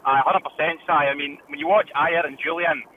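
A man's voice: on the high side, steady tone, brisk. A Scottish man calling in to a football radio show, opinionated and often saying "do you know what I mean". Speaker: caller. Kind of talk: casual phone-in chat. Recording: tinny phone line with faint noise.

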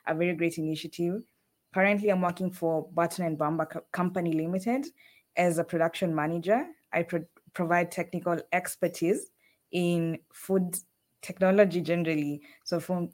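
A woman from Kenya, a guest in an interview, telling her career story in a lively way. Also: lowish voice. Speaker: fellowship guest, food production manager. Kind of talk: casual interview talk.

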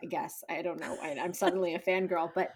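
A woman's voice: on the low side, flat delivery, fast, breathy edge. A woman co-hosting a podcast who chats casually about a film, laughs often and swears lightly. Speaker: podcast co-host. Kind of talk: casual film recap chat.

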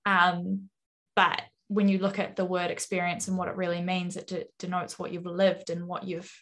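A woman's voice: lowish voice, completely flat delivery, moderate pace, a bit bright, a little hiss or hum. Articulate young New woman. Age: young adult. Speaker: podcast guest. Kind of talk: casual interview talk.

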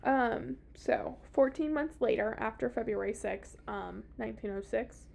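A woman's voice: on the high side, measured pace, gravelly, a little mellow. A woman with a Southern US accent co-hosting a podcast, telling a story casually in a blunt, sweary, sardonic way. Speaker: podcast co-host telling a true-crime story.

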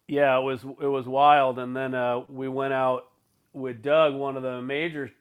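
Smooth-voiced man telling laid-back stories. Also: mid-range voice, little pitch movement, a little slow. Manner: rambling, laid-back, with fillers and swearing. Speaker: guest. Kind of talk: casual storytelling.

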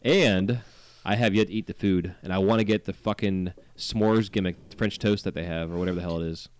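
A man's voice: deep voice, steady tone, fairly quick, smooth. Man with slushy, slurred S sounds. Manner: joking, swears casually. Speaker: podcast co-host. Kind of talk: casual podcast chat, partly reading out items.

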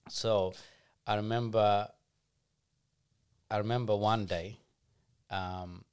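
A man, on a podcast as a guest, talking through his story in a soft-spoken, unhurried way. His voice sits low and smooth, with very little rise and fall. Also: fairly even intonation. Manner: soft-spoken, unhurried, acts out his younger self in quotes. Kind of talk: casual storytelling.

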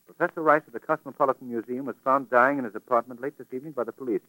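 Suave radio detective, male actor: polished, fast, bright, vintage dry sound. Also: medium pitch, no room sound, close to an everyday voice, low-quality recording. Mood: grave. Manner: polished, articulate. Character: suave, steady amateur detective and man about town. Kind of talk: 1940s radio drama acting.

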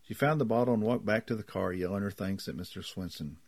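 Low-voiced man reading a story. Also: fast talker, creaky, darkish tone, no room sound. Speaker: narrator.

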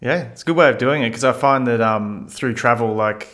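A man's voice: medium pitch, a little fast, fairly bright tone. A man hosts a podcast and leads a casual interview. He talks in an easygoing, chatty way, with a mid-range voice. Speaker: podcast host.

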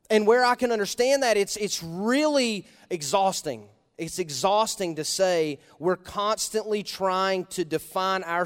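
A male pastor preaching a sermon in a conversational style, asking the congregation questions and punching key words with sudden loud emphasis. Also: fairly high pitch, smooth, big-room sound.

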